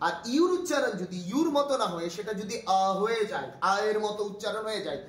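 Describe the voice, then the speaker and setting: A man's voice: high voice, big pitch swings, quick pace. Man teaching a class, echoey and distant. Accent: Bangladeshi. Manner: patient, asks the class questions and repeats points. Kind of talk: classroom English grammar lesson. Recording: echoey room from far off, faint noise.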